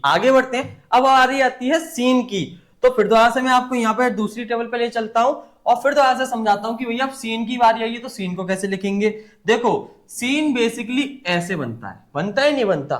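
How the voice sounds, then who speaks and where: A man's voice: very high-pitched, a bit bright. A young man teaching a writing lesson at a board, patiently asking and answering his own questions. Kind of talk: whiteboard lesson.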